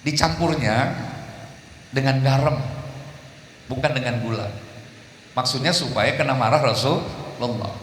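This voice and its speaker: A middle-aged man preaching a humorous sermon, telling stories and quizzing his audience, his voice jumping between loud bursts and soft asides. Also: mid-range voice, unhurried, long pauses. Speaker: Islamic preacher. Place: large mosque or hall at a religious gathering. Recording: echoey hall through PA, faint room noise.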